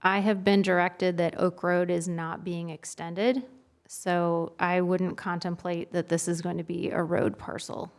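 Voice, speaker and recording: A woman giving a formal presentation at a meeting as a staff member, measured and matter-of-fact. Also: fairly low pitch, little pitch movement.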